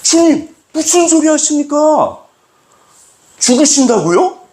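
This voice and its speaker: A man doing a shrill, indignant apostle. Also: very animated, takes it slowly, darkish tone, a little hiss or hum, heavily acted. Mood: indignant rebuke. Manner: high, strained, protesting. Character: agitated male apostle scolding his master. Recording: echoey church sanctuary.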